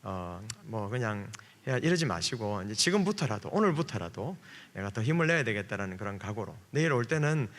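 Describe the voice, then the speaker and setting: A man's voice: on the low side, very animated, brisk, fairly bright tone. A male pastor from Busan with a Gyeongsang accent, preaching at a revival service in a chatty, joking way with many fillers. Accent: Gyeongsang Korean. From Busan, South Korea. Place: church sanctuary. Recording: long hall reverb from church PA.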